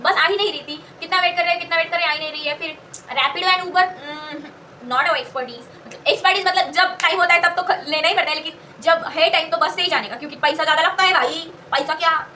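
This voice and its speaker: A woman's voice: very high-pitched, brisk, pushed and bright, recorded from a distance, a little hiss or hum. A young woman telling a casual story, rambling and correcting herself as she goes. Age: young adult. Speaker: college student telling a story.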